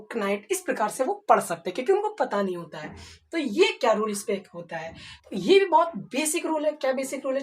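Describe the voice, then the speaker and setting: Lively woman teaching grammar. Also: a little high. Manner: asks rhetorical questions and answers them; spells out words letter by letter. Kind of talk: classroom-style lesson in Hindi.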